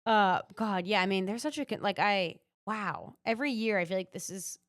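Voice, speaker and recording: Smooth-voiced young woman chatting news. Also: mid-range voice, moderate pace. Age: 20s. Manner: chatty, laughs easily, lots of fillers. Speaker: newspaper reporter co-hosting a news rundown. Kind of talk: casual news rundown chat.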